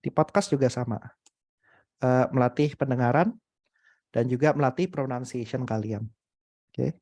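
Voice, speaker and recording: A young man talks casually in an upbeat webinar, his voice sitting at a middling pitch. He speaks in animated bursts and often stops on hesitant "em" and "eh" fillers. The sound is close and dry, with no room echo. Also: moderate pace. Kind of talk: casual motivational webinar talk.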